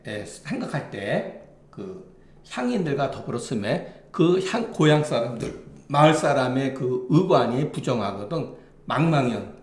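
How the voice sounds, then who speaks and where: A man's voice: mid-range voice, darkish tone, echoey room. A man lecturing on a classical Chinese text, reading lines aloud and then glossing them plainly, with frequent affirming asides. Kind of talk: explaining a classical text line by line.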